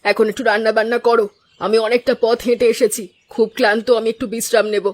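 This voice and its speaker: A woman's voice: a little high, flat delivery, quick pace, natural voice. A woman voicing an elderly village mother-in-law in a cartoon, scolding and suspicious, with a weary, resigned edge. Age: older. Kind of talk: cartoon dubbing.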